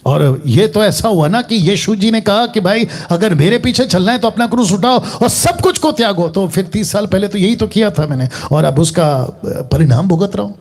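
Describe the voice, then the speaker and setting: Emphatic pastor with a husky high voice. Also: male voice, lively intonation, moderate pace, few pauses, darkish tone. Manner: emphatic, repeats lines, rhetorical questions to viewers. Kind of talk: online sermon.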